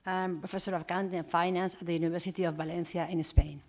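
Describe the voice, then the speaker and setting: A woman academic giving a brisk, formal introduction at a round-table meeting. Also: on the low side, level tone, darkish tone.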